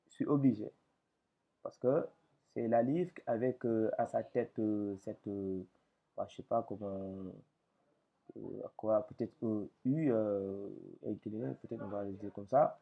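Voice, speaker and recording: Man, teacher, slow hesitant delivery, gravelly, tinny phone-like recording. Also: fairly low pitch. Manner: slow, hesitant with many fillers. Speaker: Arabic reading teacher. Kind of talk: lesson explaining letters.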